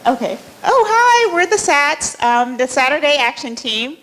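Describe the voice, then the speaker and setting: A woman's voice: high-pitched, very animated, a bit bright. Hesitant woman from Jamaica. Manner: hesitant, many "um" pauses. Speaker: facilitator. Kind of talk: public remarks at a community forum.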